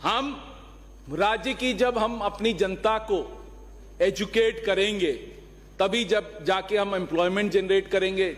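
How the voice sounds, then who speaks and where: A man's voice: high voice, fairly bright tone. A male legislator giving an argumentative floor speech in an assembly hall, posing rhetorical questions and mixing in English phrases. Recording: long reverb of a large hall.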